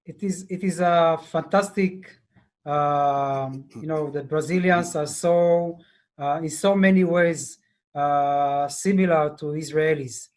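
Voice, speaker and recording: Slow, halting man on a video call. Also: fairly high pitch, steady tone. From Ethiopia. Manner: slow, halting, many fillers. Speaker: diplomat guest. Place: office indoors. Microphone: earphone mic on video call.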